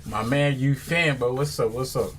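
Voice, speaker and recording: A man's voice: mid-range voice, moderate pace. A man hosting a casual football podcast, bantering in heavy urban slang. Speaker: podcast host. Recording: noisy background.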